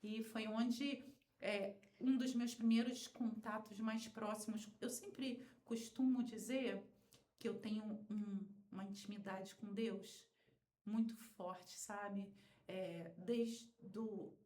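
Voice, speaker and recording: A woman with a Brazilian Portuguese accent, a podcast guest telling an emotional personal story in an animated way. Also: mid-range voice, takes it slowly. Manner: animated, acts out other people's quoted voices. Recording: roomy echo.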